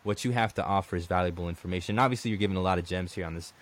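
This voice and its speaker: A Colombian man hosts a podcast in a low voice, talking very fast. His casual interview chat is conversational, full of restarted sentences and the word "man."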